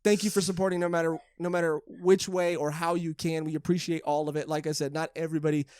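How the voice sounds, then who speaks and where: A man's voice: on the high side, little pitch movement, fast talker, darkish tone, clean tone, dry recording, clean studio sound. A man hosting a casual podcast, rambling with lots of fillers as he thanks listeners. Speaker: podcast host.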